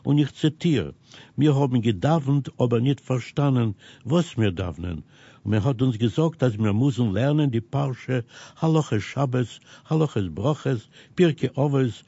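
A man presenting a scripted radio news program, reading items in a steady, measured way. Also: medium pitch, slightly rough, no room sound. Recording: dull, lo-fi radio recording.

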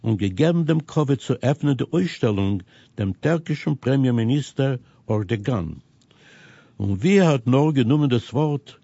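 A man presenting a scripted radio news program, reading items in a steady, measured way. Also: mid-range voice, slightly rough, dry recording. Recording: dull, lo-fi radio recording.

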